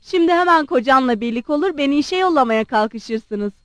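A woman's voice: high voice, animated, moderate pace, no echo. A woman reading the part of an irritable young man, scornful and agitated in his outbursts, in an audiobook. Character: irritable young man, bitter older brother.

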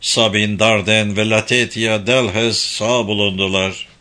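A man reading a novel aloud in a measured, even storytelling manner. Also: lowish voice. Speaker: narrator. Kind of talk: audiobook narration.

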